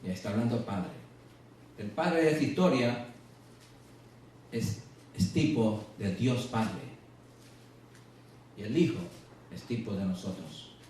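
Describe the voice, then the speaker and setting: A male preacher giving a sermon, slowing and rising in pitch to stress scripture, then dropping low. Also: darkish tone, a little hiss or hum. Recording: echoey, distant church radio recording.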